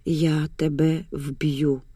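A reader voicing a distraught, exhausted young woman in an audiobook, speaking in a hushed voice. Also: medium pitch, moderate pace, dry recording, clean studio sound, lightly acted. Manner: hushed, breaking into desperate outbursts.

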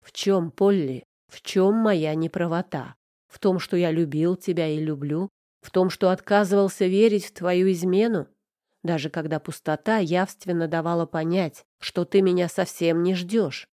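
A woman's voice: lowish voice, fairly even intonation, normal speed, dark tone, no echo, studio quality, close to an everyday voice. A woman voicing a proud young man who is bitter and hurt by his lover, asking reproachful questions, in an audiobook.

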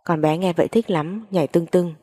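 A woman reading a first-person story aloud in a slow, mournful manner. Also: on the low side, warm tone. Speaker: audiobook reader.

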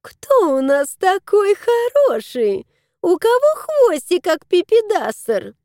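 Fussy storybook lady, cooing baby talk, swooping high, read by a woman. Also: wildly swooping pitch, takes it slowly, dark tone, no room sound, studio quality, full character voice. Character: plump, fussy middle-aged lady cooing over a cat.

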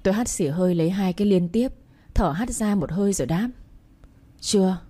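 A woman narrating a sad story as an audiobook reader, reading slowly and sorrowfully with emotion. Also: medium pitch, warm tone.

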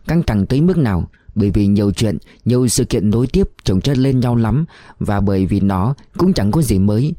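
Dark-voiced man reading a novel. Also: on the low side, dry recording, clean studio sound. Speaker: audiobook reader. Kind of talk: scripted narration of a war novel.

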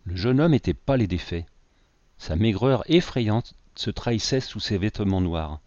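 Low-voiced man narrating a novel. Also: dry recording. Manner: measured, expressive reading. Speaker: audiobook narrator. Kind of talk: scripted narration. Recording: dry, slightly dull recording.

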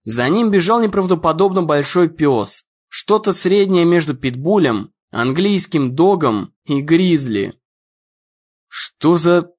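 A man narrating an audiobook in a lively, expressive storytelling voice. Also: on the high side, a little slow, hardly any pauses. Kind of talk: audiobook reading. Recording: dull lo-fi recording.

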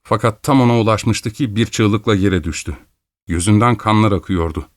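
Low-voiced male audiobook narrator. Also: steady tone, moderate pace, no room sound, studio quality. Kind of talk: scripted narration.

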